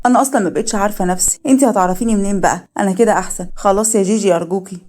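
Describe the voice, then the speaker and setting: A woman's voice: medium pitch, very fast, a little mellow, close to an everyday voice. A woman with an Egyptian accent voicing a grieving young woman who pleads and pushes others away. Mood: defensive. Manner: pleading, defensive.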